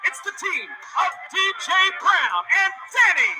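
A man working as ring announcer, giving formal drawn-out introductions. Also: extremely high pitch, sing-song, sharp tone, faint music behind.

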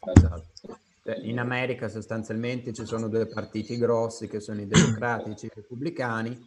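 A man's voice: lowish voice, fairly even intonation, brisk, very noisy. A man explaining things in a casual discussion over a video call, hedging as he goes.

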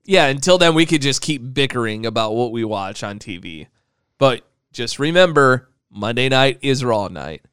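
A man's voice: medium pitch, lively intonation, normal speed, a bit bright, smooth, no echo, studio quality. A man, co-hosting a podcast in casual, joking chat. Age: 20s. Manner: joking, teasing. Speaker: podcast co-host.

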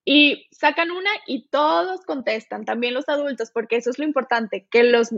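A woman's voice: high-pitched, normal speed, vocal fry, a bit bright, no room sound, lo-fi sound. A woman with a Mexican accent, a child psychologist explaining as a podcast guest and acting out parent-child dialogue. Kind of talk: podcast interview.

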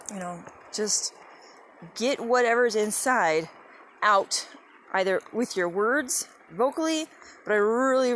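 Outdoors by a woodland creek on an early morning walk, a mother of young children talks straight to her viewers in a chatty, encouraging way. Her voice sits mid-range with a fairly bright tone, and there's a little hiss or hum. It's a relaxed motivational vlog.

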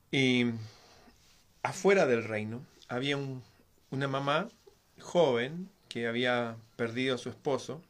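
A man tells a folk tale aloud in a relaxed, conversational way. His voice sits at an ordinary middle pitch, and he often breaks off into side remarks before picking the story back up. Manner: digressive, conversational asides. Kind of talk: casual oral storytelling.

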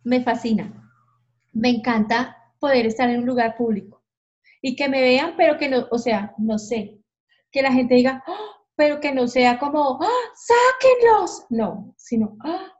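Woman, candid podcast guest, slightly high voice, muffled lo-fi sound. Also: unhurried. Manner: frank, animated, acts out quoted voices. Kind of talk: candid storytelling. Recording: dull lo-fi sound.

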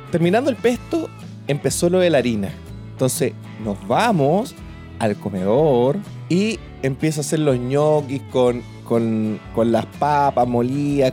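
A young Chilean man spins a personal tale for his podcast, his voice pitched a bit high yet mellow and warm. He rambles in crude street slang, stumbling over restarts and repeating himself. A faint guitar plays softly behind him. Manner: repeats words and restarts often. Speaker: podcast host. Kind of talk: personal storytelling.

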